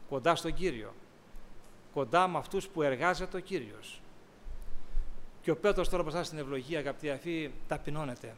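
A man preaching a sermon who asks his listeners questions and swings between loud emphatic lines and quiet low asides. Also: long pauses, slight background noise. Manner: preaching with rhetorical questions to the congregation.

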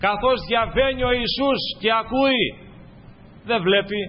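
Fervent high-voiced male preacher. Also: slight background noise. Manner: fervent, repetitive preaching cadence. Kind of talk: sermon. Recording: dull lo-fi recording.

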